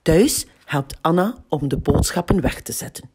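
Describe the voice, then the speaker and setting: A woman with a Flemish accent reading a picture book aloud to children, in a slow and expressive way. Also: low-pitched, background noise. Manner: slow, lively, expressive storytelling. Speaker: library storyteller.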